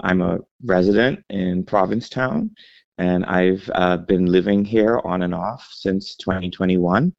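A man from the Bahamas, a healthcare executive, answering interview questions in a measured, explanatory way with frequent fillers. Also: low-pitched, gravelly, darkish tone, no echo, highs cut off.

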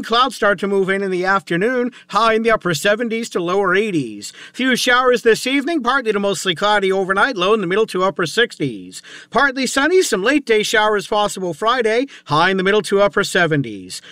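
A man reading a scripted radio weather forecast with a crisp, brisk delivery. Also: high-pitched, sharp tone, no room sound, studio quality. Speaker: meteorologist.

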